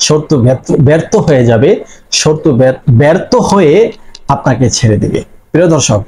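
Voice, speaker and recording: Earnest man, fairly high voice. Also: a little fast, a little mellow, slight background noise, low-quality recording. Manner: earnest, reassuring, repeats phrases for emphasis. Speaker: Islamic spiritual teacher. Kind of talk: devotional instruction to viewers.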